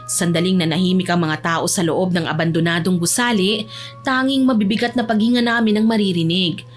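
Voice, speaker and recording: A woman's voice: fairly low pitch, fairly even intonation, fairly quick, soft background music. A woman narrating a first-person story in an earnest, dramatic way.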